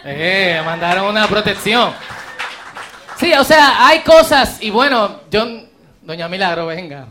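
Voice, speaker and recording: Bright, high-voiced man hosting church sharing. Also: big pitch swings, a little slow, slight background noise.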